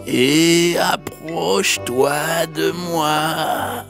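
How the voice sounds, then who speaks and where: A man voicing the big bad wolf pretending to be a frail grandmother in a children's storybook, in a high, creaky, slow croon. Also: fairly even intonation, music in the background, full character voice. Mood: sly crooning. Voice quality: high, creaky, drawn-out falsetto.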